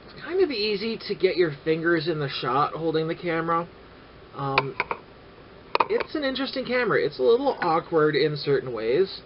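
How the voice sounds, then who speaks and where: A man vlogging casually about his camera gear, rambling and halting with many filler sounds and dry sarcastic asides. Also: on the high side, sing-song. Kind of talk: casual gear-review vlog. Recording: dull lo-fi audio with faint noise.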